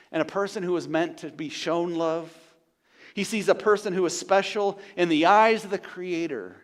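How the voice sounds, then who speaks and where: High-voiced man preaching a sermon. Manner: builds to loud repeated declarations, then drops to a hushed, slow delivery. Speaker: pastor. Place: church sanctuary.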